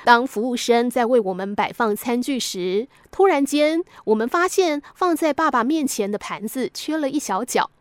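Higher-voiced woman reading a gentle story. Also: lively intonation, moderate pace, hardly any pauses, no echo. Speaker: podcast storyteller. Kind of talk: scripted story narration.

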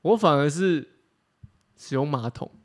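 Guy, kinda high voice, teasing his cohost on a podcast. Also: animated, a little slow. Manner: teasing, wry questioner. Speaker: podcast co-host. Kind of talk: casual chat.

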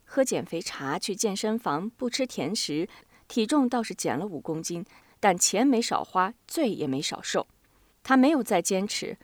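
Woman narrating a novel with lively pitch. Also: no room sound. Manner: expressive storytelling. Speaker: audiobook reader.

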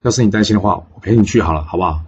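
A man's voice: fairly low pitch, racing, lo-fi sound, a little hiss or hum, close to an everyday voice. A man playing a kindly, worried old minister. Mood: concerned.

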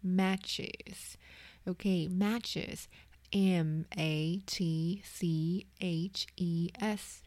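Slow, mellow-voiced woman teaching vocabulary. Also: fairly low pitch, steady tone, no echo. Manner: spells words letter by letter, repeats terms. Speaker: English teacher. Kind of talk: vocabulary lesson.

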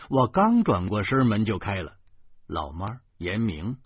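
A husky-voiced man reads a serialized novel aloud, his pitch moving in lively swings. It sounds dry and close, but dull and lo-fi. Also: no room sound. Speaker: audiobook reader.

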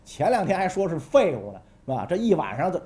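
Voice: mid-range voice, big pitch swings, fast, dark tone. A storyteller telling history in a chatty, colloquial comic style with frequent asides.

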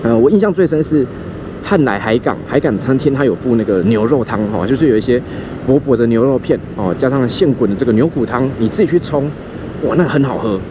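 Lively fast-talking Taiwanese man. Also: medium pitch. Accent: Taiwanese Mandarin. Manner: animated, acts out quoted voices. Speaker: podcast host. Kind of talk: casual storytelling while riding a scooter. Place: outdoors on a motorbike in city traffic. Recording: faint street and vehicle noise.

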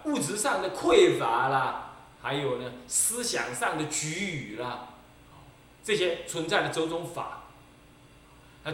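A Taiwanese-accented man preaching as a Buddhist abbot, his pitch leaping high and dropping low as he presses each point with repeated rhetorical questions. The voice is bright and forceful. It rings out in a very echoey hall, with faint ambient noise behind it. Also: distant mic. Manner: emphatic, repetitive, asks listeners rhetorical questions. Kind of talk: Dharma sermon.

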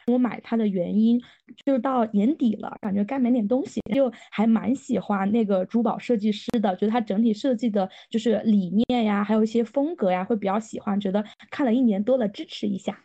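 Hoarse raspy girl chatting on a podcast, kinda high voice, dull lo-fi audio. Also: warm tone. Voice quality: raspy when laughing. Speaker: podcast co-host. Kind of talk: casual chat.

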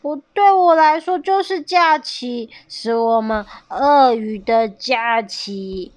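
A woman voicing a carefree crocodile on holiday in a storybook reading, loud and drawn out. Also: fairly high pitch, slow pace.

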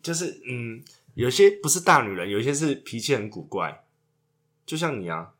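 A man's voice: mid-range voice, big pitch swings, normal speed, fairly bright tone. A man, co-hosting a casual chat and trading crude jokes. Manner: joking, crude banter. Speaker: podcast co-host.

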